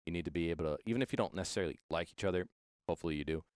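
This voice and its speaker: A man's voice: low voice, racing, clean tone, no room sound, clean studio sound. A man coaching an esports team, talking earnestly and reflectively in a casual interview, with fillers and restarts.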